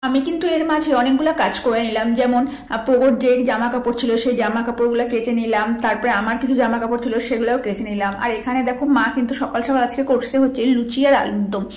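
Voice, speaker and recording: Fast-talking young woman vlogging. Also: on the high side, steady tone, a little mellow, reverberant. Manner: chatty, talks straight to viewers. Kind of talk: casual vlog narration. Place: home indoors.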